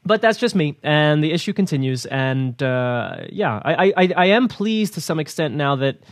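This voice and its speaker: A man's voice: a little high, very animated, moderate pace, dry recording, studio quality. Rambling man chatting about the news. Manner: rambling, repeats words, laughs between points. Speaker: co-host of a news talk program. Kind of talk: casual news discussion.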